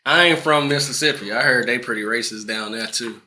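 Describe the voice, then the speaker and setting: A man's voice: mid-range voice, brisk, bright, forceful tone, a little hiss or hum. A man co-hosting a casual comedy podcast, joking crudely and laughing often. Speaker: podcast co-host.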